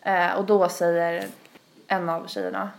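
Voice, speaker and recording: A woman's voice: lowish voice, fairly even intonation, a little hiss or hum. A young woman tells a long story in casual podcast chat. She rambles, stacks fillers and acts out quotes as she goes. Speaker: podcast host.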